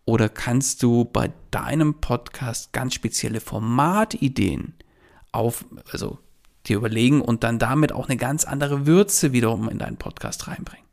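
Speaking at medium pitch and a moderate pace, a man with a gravelly, slightly mellow voice hosts a solo podcast. He shares a story about a client and coaches listeners directly, chatting casually and using lots of filler words.

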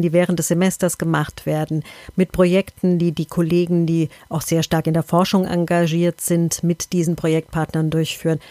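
A woman's voice: medium pitch, a little mellow, no echo. A woman hosting a solo podcast in a chatty, rambling way, often interrupting herself with wry asides. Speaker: podcast host.

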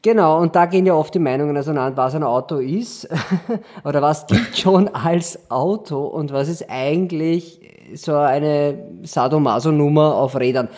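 A man's voice: on the high side, normal speed, a little mellow. A man hosting a casual podcast chat, joking and laughing often. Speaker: podcast host.

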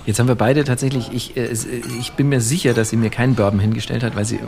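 A man's voice: medium pitch, fairly even intonation, fast, a little mellow. A male interview host in a casual bar conversation who listens closely and murmurs frequent affirmations.

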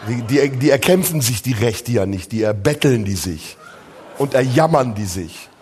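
A man's voice: medium pitch, animated, moderate pace, a little mellow. A man hosting a live comedy podcast on stage, ranting in a crude, sarcastic way. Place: live show in a tent venue.

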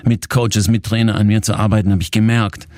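A man's voice: lowish voice, little pitch movement, a little fast, darkish tone, no echo, studio quality. A man in his forties, a coach, speaking candidly and reflectively about his own experience in a casual motivational talk. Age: 40s.

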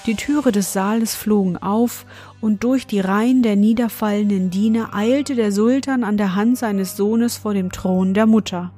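A woman narrating a classic fairy tale as an audiobook, in a measured, expressive storytelling manner. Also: mid-range voice.

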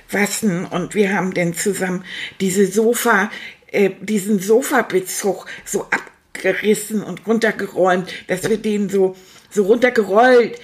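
A woman voicing an excitable male plush toy rat who rambles breathlessly through his story. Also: medium pitch, lightly acted. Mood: sheepish. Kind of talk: puppet storytelling for children.

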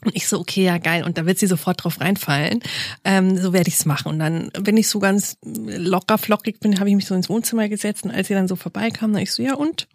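A woman's voice: medium pitch, steady tone, fairly quick, no room sound, clean studio sound. A woman, chatting as a podcast guest and acting out dialogue with funny voices. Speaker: podcast guest, family therapist. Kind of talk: casual storytelling chat.

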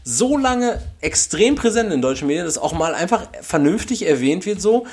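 A man's voice: high voice, very animated, moderate pace, darkish tone, breathy edge. A German man co-hosting a podcast, rambling through casual chat with many fillers and restarts. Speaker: podcast co-host.

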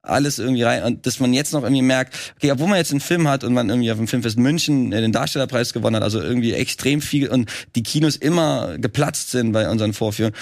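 Man, filmmaker guest, rapid rambling talk, restarts, dry close sound. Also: mid-range voice, no room sound. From Germany. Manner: fast, rambling, many restarts and fillers. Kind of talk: casual podcast conversation.

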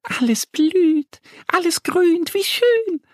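A man voicing a small, eager girl duckling in a children's audio story, in a high, breathy childlike voice. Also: expressive, takes it slowly, no echo, studio quality, exaggerated voice. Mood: cheerful.

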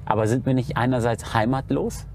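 A male interviewer with a mid-pitched voice nods along with short, attentive affirmations. A faint hum sits under the recording. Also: steady tone, fairly quick, darkish tone. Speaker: interviewer and channel host.

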